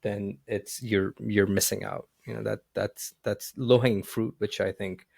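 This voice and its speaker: A man's voice: on the low side, little pitch movement, creaky, a little mellow, slightly rough, dry recording, clean studio sound. A man hosting a podcast interview, chatting casually with frequent restarts and fillers. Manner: halting, many restarts and "you know" fillers. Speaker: podcast host.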